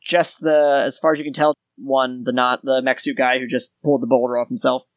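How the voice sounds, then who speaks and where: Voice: mid-range voice, flat delivery, fairly quick, dry recording. A game master narrating a tabletop game in an informal, descriptive way.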